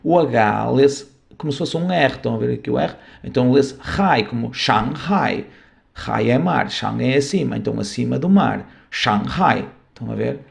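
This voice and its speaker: A man's voice: medium pitch, lively intonation, brisk, creaky, a little mellow. A man with a European Portuguese accent teaching a class, explaining patiently and often checking that his students follow. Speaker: martial arts instructor. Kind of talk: classroom lecture.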